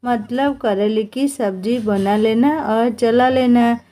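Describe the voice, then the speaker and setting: A woman's voice: on the high side, steady tone, slow pace, mellow. A woman voicing a stern, exasperated middle-aged mother-in-law who scolds her daughter-in-law.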